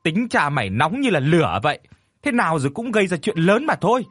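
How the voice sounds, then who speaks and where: A man's voice: mid-range voice, very animated, normal speed, slightly rough, dry recording. A man voicing an anxious older village grandmother who scolds in a raised, worried voice.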